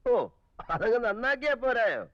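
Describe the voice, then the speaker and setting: An actor playing a hungover, slow-witted friend who drawls and coughs on the phone, in a film drama. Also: male voice, extremely high pitch, big pitch swings, fairly bright tone, no room sound, exaggerated voice. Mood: drowsy. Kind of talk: comic film drama acting. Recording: dull phone-line sound.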